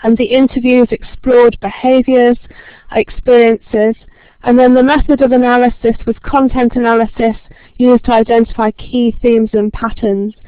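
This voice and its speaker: A woman who talks quickly, with frequent ums, presents a lecture-style webinar and welcomes a large online audience. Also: a little high, flat delivery, dry recording. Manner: fast-talking, friendly, many ums. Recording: tinny phone-line sound, dry.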